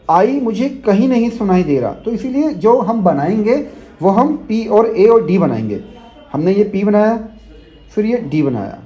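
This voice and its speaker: Patient shorthand teacher, bright-toned man. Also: sits high, highs cut off. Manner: patient, explains step by step, checks in with students often. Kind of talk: classroom demo lesson.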